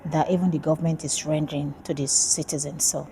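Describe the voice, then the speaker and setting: A Nigerian woman who is a PhD student discusses her research in a casual interview, friendly but hesitant and full of fillers. Her voice is low, steady, brisk and dark-toned, with a slight hiss or hum in the audio.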